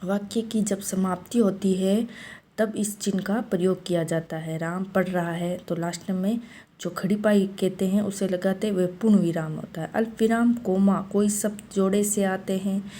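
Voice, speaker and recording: A woman giving a classroom-style grammar lesson, explaining step by step and slowing down to read out example sentences. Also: medium pitch, steady tone, mellow. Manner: explains step by step, often saying "look". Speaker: teacher.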